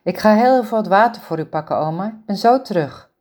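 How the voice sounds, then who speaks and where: A woman voicing a young female caregiver who is worried about her grandmother, talking quickly and with concern. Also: mid-range voice, animated, a little mellow, close to an everyday voice.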